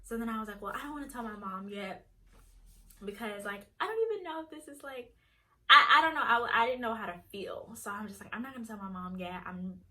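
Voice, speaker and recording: A woman's voice: medium pitch, sharp tone, slight background noise. A young woman vlogger chatting casually, retelling a story and acting out each person's lines. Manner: chatty, acts out quoted dialogue.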